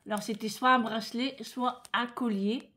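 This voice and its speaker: A woman from France chatting casually to her viewers in a vlog, emotional and expressive. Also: on the high side, normal speed, slight background noise. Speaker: vlogger. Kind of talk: casual chat.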